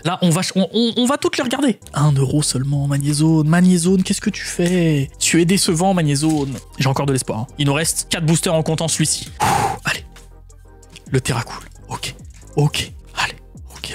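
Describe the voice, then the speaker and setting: Excitable French man opening card packs. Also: fairly high pitch. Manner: swings from hushed mutters to loud excited shouts. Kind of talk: excited commentary.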